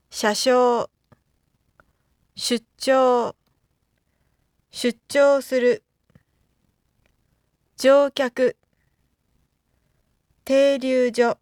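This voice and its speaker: A woman reading out lesson vocabulary carefully, one isolated item at a time with pauses between. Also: sits high, a little mellow, no room sound, clean studio sound. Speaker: Japanese vocabulary reader. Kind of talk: scripted word-list reading for a language lesson.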